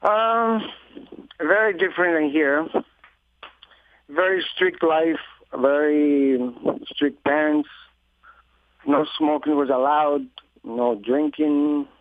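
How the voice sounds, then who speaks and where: A middle-aged man from Greece with a Greek accent, a guest speaking in a relaxed, wry way with many fillers. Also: fairly high pitch, takes it slowly, pauses often, dry recording. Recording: tinny phone line.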